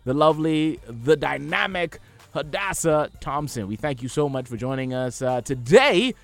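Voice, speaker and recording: Lively radio host, pitch swooping up. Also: male voice, moderate pace, gravelly. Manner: hype-man delivery, swooping pitch. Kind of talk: radio show hosting. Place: radio studio.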